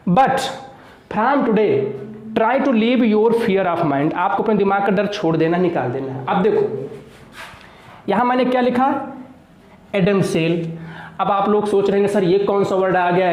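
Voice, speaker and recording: A man with a high voice teaches an exam-prep class, calling his students children and repeating key words as he quizzes himself out loud. His voice rings around a bare, echoey room. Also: unhurried, lo-fi sound. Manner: asks and answers his own questions, repeats key words.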